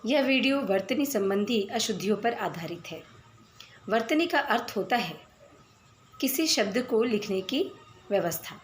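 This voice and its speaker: A woman teacher giving a school spelling lesson, reading word pairs aloud with careful, clear enunciation. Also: fairly high pitch, animated, measured pace, a little hiss or hum. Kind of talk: slow, deliberate Hindi lesson. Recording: echoey room with faint background ambience.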